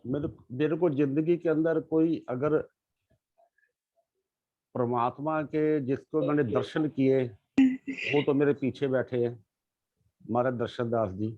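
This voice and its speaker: A man's voice: medium pitch, fairly even intonation, no echo. Reflective middle-aged man, dull lo-fi. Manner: reflective, earnest, halting. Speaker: guest sharing his life story. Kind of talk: casual conversation. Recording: dull lo-fi sound.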